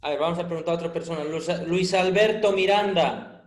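A male finance teacher giving an online class, his voice sitting fairly high. He asks students questions and teases them with dry humor. The sound has a roomy, echoing quality. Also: a little fast. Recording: roomy echo.

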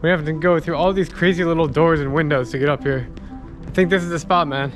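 A young man filming a travel vlog in an abandoned palace with a handheld camera, talking in an excited, exclaiming way. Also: a little high, quick pace, faint music behind. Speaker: travel vlogger. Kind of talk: travel vlog with voice-over narration. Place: abandoned palace, large empty stone rooms. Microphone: handheld camera at arm's length.

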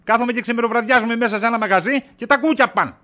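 A man's voice: very high-pitched, pushed and bright. A man playing a weary, evasive husband. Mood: exasperated. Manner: exasperated, dodging, wisecracking. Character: tired, evasive shopkeeper husband, middle-aged. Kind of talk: comedy sketch acting.

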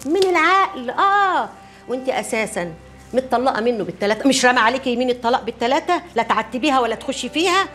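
An actress playing a blunt, gossipy working-class neighbor woman who scolds fast and quotes folk sayings. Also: sits high, fairly bright tone. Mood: scolding. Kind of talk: TV drama acting.

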